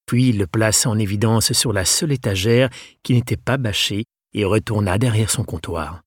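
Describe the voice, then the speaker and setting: A male audiobook narrator with a husky, slightly breathy voice at a middling pitch. He reads in a calm, even manner, recorded close and dry with no room sound. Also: moderate pace, no room sound.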